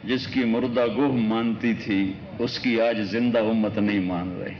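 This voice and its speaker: A man's voice: steady tone, highs cut off, slight background noise. A male preacher, delivering an impassioned storytelling sermon and calling his listeners his children. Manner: impassioned storytelling, pitch leaps on emphasis; addresses audience fondly as children.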